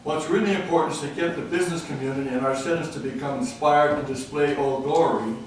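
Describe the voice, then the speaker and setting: A man's voice: fairly high pitch, fast. An older man giving an earnest, patriotic public comment at a city council meeting. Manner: earnest, patriotic, tells jokes. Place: council chamber. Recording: very echoey room, distant mic, faint noise.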